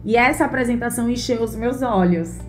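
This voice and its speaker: A mother and former gymnast from Bahia, Brazil, answers questions in a relaxed interview, earnest and thoughtful, with frequent fillers. Her voice is a little high and brisk, with faint music in the background.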